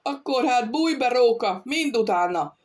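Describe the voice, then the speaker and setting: A woman reading an audiobook, voicing a cocky male thief who calmly taunts soldiers from a treetop. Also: medium pitch, distant mic, natural voice. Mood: mocking. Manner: taunting, calm, sly.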